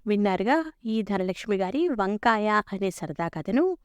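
A woman narrating a humorous story in the first person with wry, expressive delivery. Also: medium pitch, a little slow, smooth, no echo, clean studio sound.

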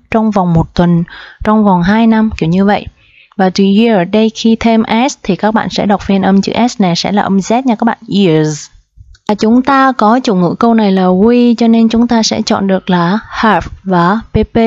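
A woman explains grammar in a slow, patient lesson, repeating each point for her viewers. Her voice sits at a middle pitch and is recorded close with no room sound. The sound is muffled and lo-fi. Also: darkish tone, dry recording. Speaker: English grammar teacher. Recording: dull lo-fi dry sound.

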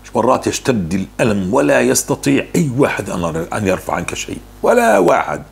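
A man's voice: lowish voice, very animated, fast, creaky, husky. A man answering religious questions, fervent and repeating words for emphasis. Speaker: religious speaker.

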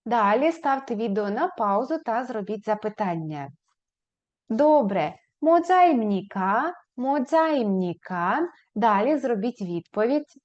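A woman teaching a beginners' language lesson, modeling phrases slowly and raising her pitch on questions. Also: animated, a little mellow. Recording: slightly dull, lo-fi recording.

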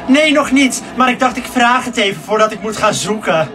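A man's voice: very high voice, expressive, brisk, music in the background. A man voicing polite, easily offended customers in a comedy sketch. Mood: indignant. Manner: polite, indignant. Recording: noisy background.

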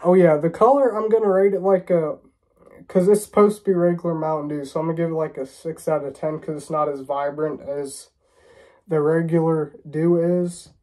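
Sitting in a small room, a young American drinks-review vlogger talks casually to the camera with a stuffy nose from a cold. His warm voice sits on the high side, with fairly even intonation and a normal speed.

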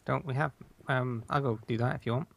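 A man's voice: medium pitch, fairly even intonation, fairly quick, vocal fry. A man chatting casually as he co-hosts a gaming video, playful, silly and teasing. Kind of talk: casual chat while playing Minecraft.

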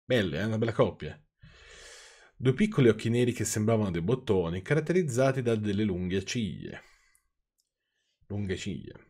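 A man's voice: on the low side, lively intonation, fairly quick, warm tone. Sarcastic Italian man reading stories. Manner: sarcastic asides, dry and teasing. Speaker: channel host reading viewers' stories. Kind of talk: reading aloud with off-the-cuff commentary.

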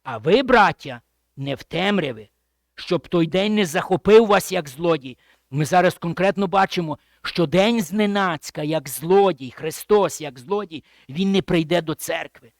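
A man preaching a sermon as pastor, speaking with emphasis and often dropping to a hushed, low voice at the end of a phrase. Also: animated, a little slow, dry recording, studio quality. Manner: repeats and restates phrases while explaining.

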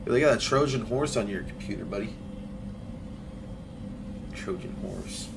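A man's voice: fairly low pitch, moderate pace, vocal fry, noisy background. A man on a livestream headset mic, giving casual gameplay commentary and greeting chat by name with slangy "bro" and "dude". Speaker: game streamer. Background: game music.

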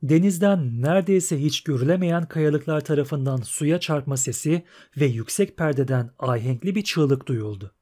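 A man reading a fantasy audiobook as narrator, in a steady storytelling manner. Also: on the high side, moderate pace, hardly any pauses.

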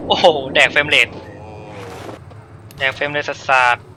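A young man commentating his own gameplay, excitable, swearing and shouting at the game. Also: unhurried, a little hiss or hum. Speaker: gaming YouTuber. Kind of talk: let's play commentary.

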